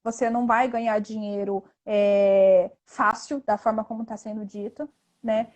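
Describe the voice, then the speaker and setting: A Brazilian investment instructor, a woman with a Brazilian Portuguese accent, speaks as an interview guest. Her mid-range voice is steady, unhurried, and darkish, and the audio is dull. She explains things earnestly and conversationally, often ending phrases with a tag question.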